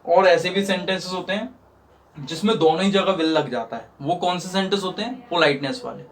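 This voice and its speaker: Male tutor, patient, explains with everyday examples, slightly high voice. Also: brisk. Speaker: English teacher. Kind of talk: spoken English lesson.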